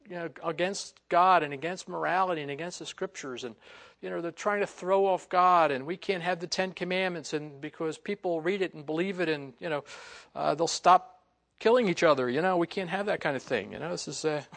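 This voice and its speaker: A man's voice: a little high, brisk, gravelly, fairly bright tone. A male pastor preaching a sermon that explains scripture verse by verse, in a conversational, folksy way with frequent "you know" fillers. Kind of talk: expository sermon.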